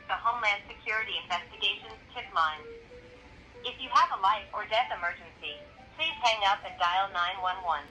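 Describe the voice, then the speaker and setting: A woman reading a formal automated phone menu announcement in a measured, clearly enunciated voice over a telephone line. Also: medium pitch, sharp tone, faint music behind. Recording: phone hold-line recording with some noise.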